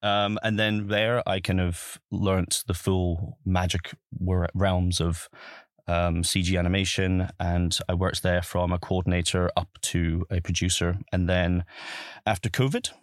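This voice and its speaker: A man in his thirties with a Highland Scottish accent, telling his story as an interview guest in a wry, playful, colourful way. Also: little pitch movement, unhurried, no echo, studio quality. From Highlands of Scotland. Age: 30s. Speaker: producer at an animation studio, guest.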